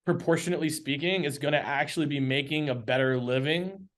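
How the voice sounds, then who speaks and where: This is a podcast guest, a man who heads an agency, chatting in a relaxed interview over a video call. His fairly high voice comes across as sincere and lively, and he laughs easily.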